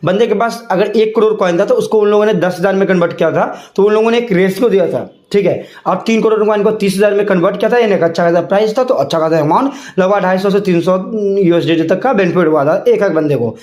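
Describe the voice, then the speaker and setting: A man's voice: high-pitched, fast talker, hardly any pauses, darkish tone, roomy sound. A man, chatting casually as a crypto video host and filling his talk with repeated fillers. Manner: chatty, repeats "ठीक है" and "यहाँ पे". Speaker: crypto YouTuber. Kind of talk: casual explainer vlog.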